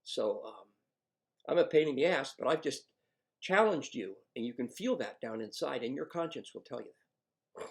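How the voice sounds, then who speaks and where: A man working as an addiction counselor, coaching a patient one-on-one in a gentle, coaxing, self-mocking way. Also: mid-range voice, expressive, moderate pace, gravelly.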